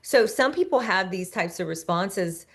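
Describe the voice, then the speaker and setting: A woman podcast host and therapist who prompts her guest calmly and sums up what was said. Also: medium pitch, unhurried, slightly rough. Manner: calm, prompting and summarizing. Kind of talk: interview questions.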